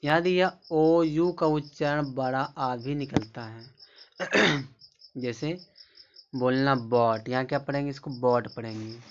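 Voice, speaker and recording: A male English teacher explains spelling and pronunciation, drilling each word again and again and quizzing his listeners as he goes. His voice sits at an everyday middle pitch. The recording is a little dull and lo-fi, with a faint hiss of noise behind him. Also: slow pace. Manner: repetitive, drills each word several times and asks rhetorical questions. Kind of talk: classroom-style lesson explaining spelling and pronunciation. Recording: slightly dull lo-fi sound with faint background noise.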